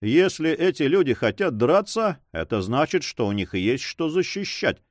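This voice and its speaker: A man voicing a cold, ruthless pirate leader who speaks in an icy, mocking, unhurried way. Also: fairly high pitch, sing-song, dry recording, studio quality.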